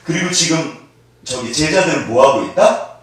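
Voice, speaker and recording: A man's voice: on the high side, moderate pace. A male pastor preaching a sermon, often putting questions to his congregation. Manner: animated, asks the congregation questions. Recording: echoey room from far off.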